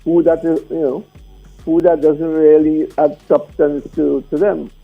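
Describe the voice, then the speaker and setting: Higher-voiced Vincentian man, muffled radio call. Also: little pitch movement, a little slow, creaky, slightly rough. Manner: rambling, teasing, rhetorical questioning. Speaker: radio phone-in caller. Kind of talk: casual opinionated chat. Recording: muffled radio phone-in with music.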